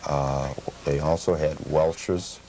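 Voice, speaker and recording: This American collector's voice is low and mellow, with fairly even intonation, as he answers questions as a studio guest on television. He explains matters in a measured, factual, slightly formal way. The recording sounds like an aging, mildly noisy television tape.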